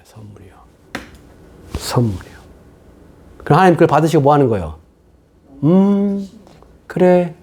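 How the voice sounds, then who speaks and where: A man preaching a sermon as pastor, casual and conversational, firing rhetorical questions at the congregation. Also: high voice.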